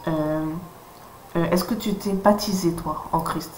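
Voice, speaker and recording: A woman interviewer with a fairly low voice. She asks her questions hesitantly, restarting and filling pauses. The recording sounds roomy, with a faint hum of noise. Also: fairly even intonation, a little mellow. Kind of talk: casual interview.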